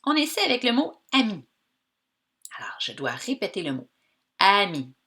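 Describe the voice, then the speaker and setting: A woman teacher with a Québécois accent giving a reading lesson to children, slowly drawing out the sounds in words and encouraging her pupils. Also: mid-range voice, sing-song, sharp tone. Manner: slow, stretched-out sounds of words for young learners; encouraging, addresses pupils directly.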